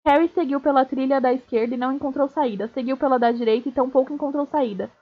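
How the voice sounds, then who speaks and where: A woman streamer reads a novel aloud at a steady clip and now and then trips over a word and starts it again. Her voice is high. The stream audio is dull and lo-fi. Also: fast talker. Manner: steady reading with small slips and restarts. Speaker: streamer reading a book aloud. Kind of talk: live read-aloud of a novel.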